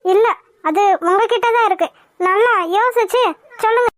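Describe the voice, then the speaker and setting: Very high-pitched voice, dry close sound, woman voicing a young cartoon village woman, lovesick, weepy. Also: moderate pace, no room sound. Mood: pleading. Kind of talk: cartoon voice acting.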